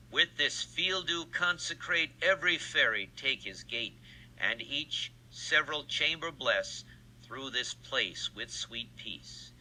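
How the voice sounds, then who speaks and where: A man's voice: medium pitch, bright, forceful tone, slight background noise, low-quality recording. An actor playing a regal, solemn fairy king, speaking a ceremonial blessing in verse. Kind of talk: recorded stage reading of verse.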